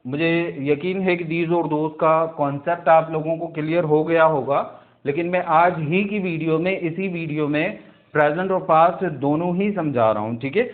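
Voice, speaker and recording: A man teaches English grammar, his voice sitting a little high. He talks his students through each rule, drawing out words and checking in after every step. The sound is narrow and tinny, like a phone line. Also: normal speed. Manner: drawing out words and repeating "theek hai" and "bhaiya" to check in with students. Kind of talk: explaining English grammar in a video lesson.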